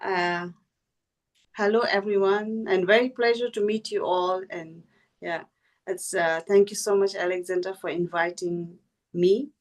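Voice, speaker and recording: A woman's voice: mid-range voice, steady tone, unhurried. A middle-aged woman from India, a native Tibetan speaker, modestly introducing herself on a video call with many fillers. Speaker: guest speaker and translator. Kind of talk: casual personal introduction. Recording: voice distant from the mic.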